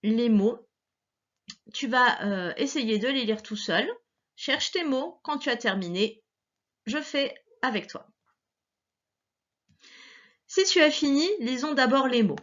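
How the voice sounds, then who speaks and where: A woman teaching a young child reading sounds, speaking slowly and carefully and stretching out each key word. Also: on the high side, animated, a bit bright, highs cut off. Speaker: primary school teacher. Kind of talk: recorded phonics lesson for a young child.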